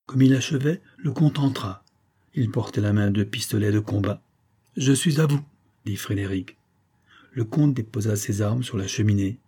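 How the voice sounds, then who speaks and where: Husky, dark-voiced male reader. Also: fairly low pitch. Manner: measured, dramatic reading. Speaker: audiobook reader. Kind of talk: scripted narration of a classic novella.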